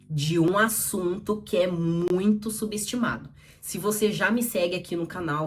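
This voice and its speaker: A young Brazilian woman vlogging casual advice in a chatty, direct way, talking straight to her viewers. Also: lowish voice. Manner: chatty and direct, addresses viewers as "cara" and "gente". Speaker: YouTuber.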